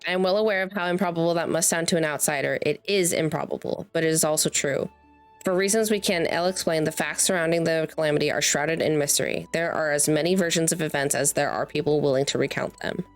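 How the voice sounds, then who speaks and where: A woman voicing a motherly, formal guildmaster from a fantasy game, reading the dialogue in a measured way. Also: low-pitched, soft background music. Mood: grave, solemn. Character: motherly guildmaster welcoming adventurers, grave and formal.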